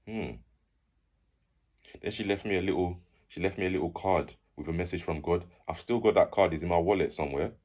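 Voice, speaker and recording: Young man, very low voice, chatty animated storyteller doing the other voices. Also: fairly quick. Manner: animated, acts out quoted people in raised voices. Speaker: fitness channel host. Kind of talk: casual storytelling.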